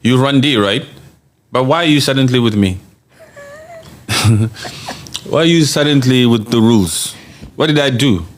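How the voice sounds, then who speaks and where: Speaking at a normal speed with a medium pitch, this podcast host pauses often. He chats casually, reads viewer comments aloud, laughs frequently, and leans on emphatic delivery and repeated phrases.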